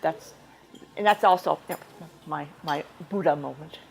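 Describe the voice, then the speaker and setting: A woman's voice: low-pitched, normal speed, vocal fry, low-quality recording. A woman giving an informal, chatty speech at a club meeting, talking conversationally with frequent restarts and asides. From United States.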